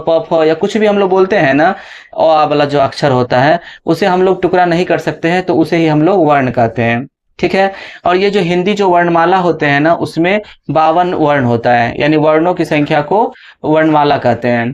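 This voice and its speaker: A man teaching a grammar lesson step by step, often checking in with his students and drawing out letter sounds slowly as he recites them. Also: fairly high pitch. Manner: explains step by step with frequent "है ना" and "ठीक है" check-ins. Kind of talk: classroom lesson explanation.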